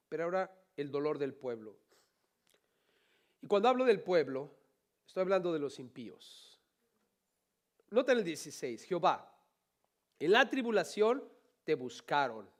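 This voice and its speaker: A man preaching a sermon as pastor, animated, asking the congregation rhetorical questions and adding playful humorous asides. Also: a little high.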